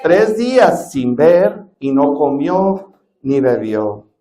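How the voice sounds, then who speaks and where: A man preaching a sermon as pastor in a church, swinging between loud stresses and hushed drops and asking the congregation questions. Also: a little high, very animated, slow pace.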